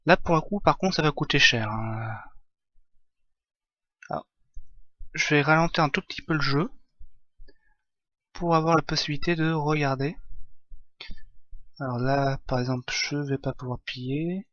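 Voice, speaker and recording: A man streaming a strategy game live, explaining his moves in a halting way full of fillers. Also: fairly high pitch, a bit bright, no room sound, highs cut off. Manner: hesitant, many fillers, halting English.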